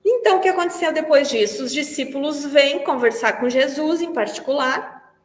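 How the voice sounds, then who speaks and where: A woman's voice: sits high, normal speed. Brazilian woman lecturing in an echoing hall. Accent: Brazilian Portuguese. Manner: explanatory, repeats phrases while thinking. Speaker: Spiritist study speaker. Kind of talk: religious study lecture. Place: large meeting hall. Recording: echoey hall with long reverb.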